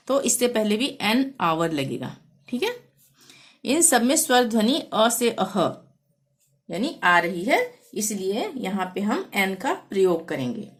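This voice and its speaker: A woman teaching English grammar, patiently repeating example words and sentences slowly for her pupils. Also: mid-range voice. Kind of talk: explaining a grammar lesson.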